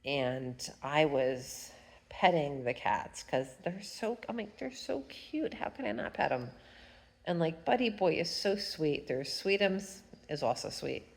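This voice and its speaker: With big pitch swings in a low, creaky voice, a stuffy-nosed woman talks unhurriedly while showing her knitting at home. She's a fiber arts vlogger in a casual tutorial chat, chatty and rambling, humming to herself as she works.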